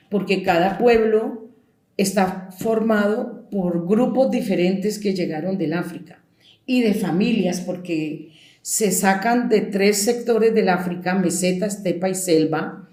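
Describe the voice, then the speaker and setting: A woman's voice: mid-range voice, darkish tone. A Colombian woman storyteller talking reflectively and emphatically, stretching out key words. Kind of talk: reflective spoken talk. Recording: echoey room.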